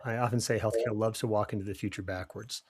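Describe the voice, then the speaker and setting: A man hosting a podcast, asking questions in a lively, joking way. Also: on the low side, fast talker, slightly rough. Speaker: podcast host. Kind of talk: casual podcast conversation.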